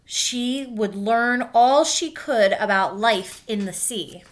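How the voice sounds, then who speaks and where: With a voice on the high side, this woman teacher reads a picture book aloud and breaks off now and then to put it in simple terms for her young class.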